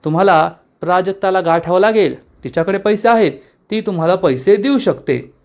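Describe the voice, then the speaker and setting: A man's voice: high-pitched, a little fast, a little mellow. A man voicing a scheming young sister-in-law who talks in a wheedling, gossipy way.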